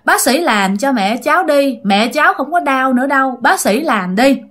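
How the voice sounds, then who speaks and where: A woman's voice: sits high, animated, moderate pace, fairly bright tone, pitched above the performer's own voice. A woman voicing a pleading child spirit of about six or seven. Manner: pleading, repetitive.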